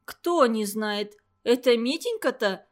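A woman's voice: a little high, lively intonation, slow pace. A woman voicing a huge, cruel old female tutor who scolds her pupils in a harsh, furious way. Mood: angry scolding.

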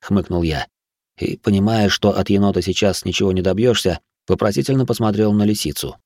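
A man with a fairly low voice reads a first-person adventure audiobook, with a dry, wry edge. The recording is close and dead, with no room sound. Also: a little fast, a little mellow, dry recording. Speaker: audiobook narrator.

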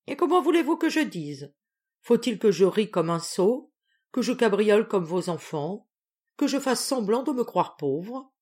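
A woman's voice: mid-range voice, sing-song, unhurried, a little mellow, voice pushed up. A woman voicing a proud, touchy old general of sixty-three who barks orders in an audiobook reading. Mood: blustering. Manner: gruff, touchy, commanding.

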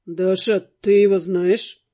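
A woman doing an excitable young water mage. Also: medium pitch, a little slow, husky, pitched below the performer's own voice. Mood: questioning. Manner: breathless exclaiming. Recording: dull lo-fi with faint music.

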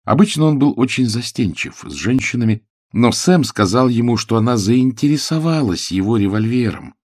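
A man reading a novel aloud as an audiobook narrator, expressive and animated. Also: fairly low pitch, no room sound, studio quality. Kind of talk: scripted narration.

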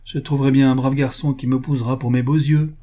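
A man's voice: mid-range voice, level tone, quick pace, warm tone, lightly acted. A man reading the part of a young, proud noble heiress who speaks in a cold, decisive, commanding manner. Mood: wistful.

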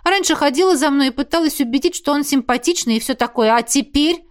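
A pushy young witch, jealous and prying, her voice pitched high and pressing hard on every question, as a woman narrator puts her on. She sounds like a headstrong student of magic who won't let a friend dodge. It is an audiobook character voice. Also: natural voice. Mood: indignant. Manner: indignant, prying, quick to raise her voice.

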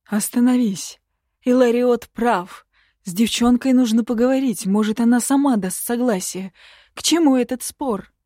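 A woman voicing an anxious male lord who pleads urgently for calm in a higher pitch. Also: moderate pace, no room sound, studio quality, natural voice.

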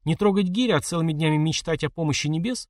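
A man's voice: a little high, quick pace, no echo, studio quality, voice pushed up, lightly acted. A man reading an audiobook, voicing a sulky, defensive teenage village boy who snaps and grumbles. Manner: snappish, grumbling.

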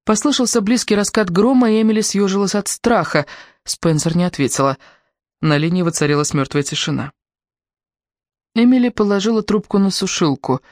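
An audiobook reader narrating a thriller in a tense, even manner. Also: medium pitch, fairly quick, dry recording, studio quality. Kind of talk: scripted narration.

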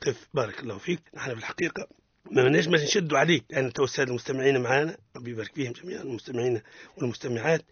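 A man from Tunisia with a Tunisian Arabic accent teaching Quran recitation on the radio, modelling verses slowly and correcting his student patiently. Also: medium pitch, a bit bright, slightly rough, no room sound, highs cut off.

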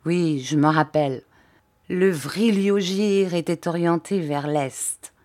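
A woman reading aloud who voices an excitable young English male inventor, exclaiming in loud, feverish outbursts. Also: on the low side, slow pace, dry recording.

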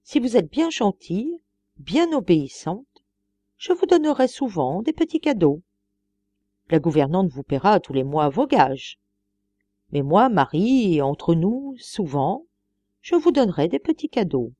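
A woman voicing an elderly gentleman who is fussy, obsessive and wheedling, speaking in a coaxing, repetitive way. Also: mid-range voice, very animated, unhurried, no room sound. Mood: persuasive. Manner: coaxing, repetitive, rising to pleading.

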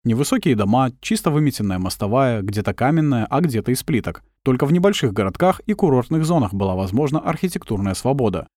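A man narrating an audiobook in a measured, expressive storytelling manner. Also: medium pitch, no echo, studio quality. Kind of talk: scripted narration.

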